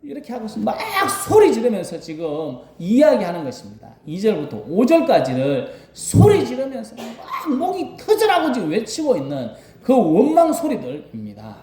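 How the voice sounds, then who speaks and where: A man's voice: high-pitched, huge pitch swings, normal speed, few pauses. A man, a rural pastor, preaching a sermon with Bible reading, dramatic, acting out cries and repeating key phrases for emphasis. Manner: dramatic, acts out cries with sudden loud bursts. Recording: roomy echo.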